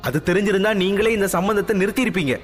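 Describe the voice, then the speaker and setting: A man voicing a proud, quick-tempered young princess who talks back fast and high in an audio drama. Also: lightly acted. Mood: indignant. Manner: indignant, complaining, fast and high. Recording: music bed, long reverb.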